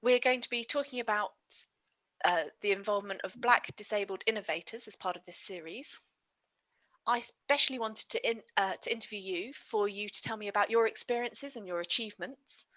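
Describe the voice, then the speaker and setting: A woman voicing interview questions for a signing interviewer, polite and steady with a few fillers. Her voice is bright and clear at a middle pitch. The sound is close and dry, with no room around it. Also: no echo, rough recording. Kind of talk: interview questions read aloud. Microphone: video call.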